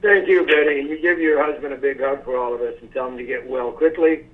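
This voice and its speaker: A man's voice: mid-range voice, fast. A man hosting a sales conference call, praising his team effusively and giving a motivational talk. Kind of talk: casual motivational speech. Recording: tinny phone line.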